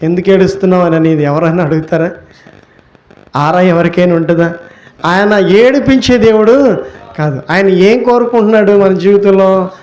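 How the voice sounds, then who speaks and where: Male pastor, fairly high voice, sermon delivery; poses questions then answers, stretches key words slowly. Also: a little mellow. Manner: rhetorical questions answered by himself.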